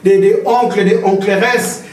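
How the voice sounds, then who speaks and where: A high-voiced man delivers a sermon as pastor, his tone steady, a little mellow, and his pace a little slow. Passionate and prone to repetition, he shares stories with the congregation, and a distant mic captures him in the heavily echoing church hall.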